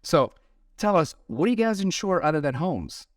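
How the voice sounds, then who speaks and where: A man's voice: fairly high pitch, very animated, moderate pace, dry recording, clean studio sound, recorded from a distance. A man co-hosting a casual talk show, upbeat and enthusiastic as he reacts to his guests and sums up their points. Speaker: podcast co-host. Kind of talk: casual chat.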